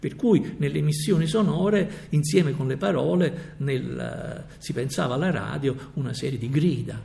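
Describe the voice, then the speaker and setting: Gravelly male commentator, slightly high voice, earnest, explanatory radio talk. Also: moderate pace, warm tone, slight background noise. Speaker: commentator on theatre.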